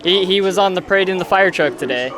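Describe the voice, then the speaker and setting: A man's voice: high voice, fast. A man hosting a vlog, explaining things casually like a tour guide as he walks through a busy theme park outdoors. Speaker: vlog host. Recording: loud crowd noise outdoors.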